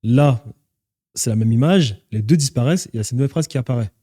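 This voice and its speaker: A man's voice: medium pitch, animated, fast, dark tone, husky, no echo, clean studio sound. A man teaching an online course as a business coach, speaking directly to viewers and laying out steps in short, clipped phrases. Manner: direct, instructive, addresses viewers as "vous".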